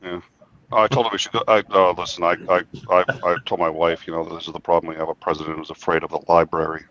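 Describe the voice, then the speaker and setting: Deep bright-toned man, stammering, lo-fi. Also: fast. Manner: animated storyteller, stammering restarts. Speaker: married man. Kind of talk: casual chat.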